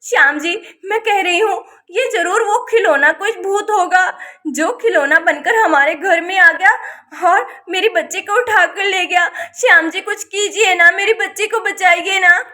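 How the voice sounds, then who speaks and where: A woman's voice: extremely high pitch, measured pace, pushed and bright, exaggerated voice. Woman voicing a panicked, tearful village mother. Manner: panicked, pleading, on the edge of tears. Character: frantic young village mother Radha. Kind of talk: doll story voice acting.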